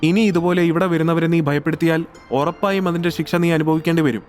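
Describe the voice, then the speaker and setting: A man voicing a calm, bossy young woman in an audio drama who scolds and teases in a composed way. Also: a little high, brisk, faint music behind, pitched above the performer's own voice, lightly acted. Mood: scolding. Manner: scolding and teasing, cool and composed.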